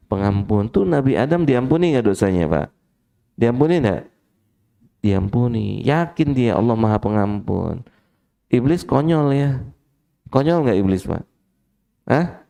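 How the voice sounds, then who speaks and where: A man's voice: medium pitch, vocal fry, dark tone. A man giving a mosque study-circle sermon, chatty and keeps asking his listeners questions. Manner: conversational, keeps asking the men in the room. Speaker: preacher. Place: mosque hall.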